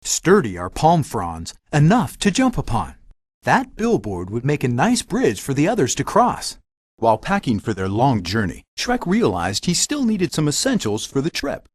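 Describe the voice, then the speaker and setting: A man's voice: mid-range voice, slightly rough, no echo, full character voice. A man voicing a magic mirror in a video game, a helpful storybook guide with a theatrical storytelling delivery. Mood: wry storytelling. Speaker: game hint-giver and story narrator. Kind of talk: scripted video game narration.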